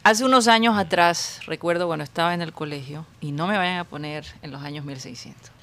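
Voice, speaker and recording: A woman from Colombia hosting an entertainment talk show, expressive and exclamatory, given to dramatic sighs. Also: low voice, a little fast. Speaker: show host.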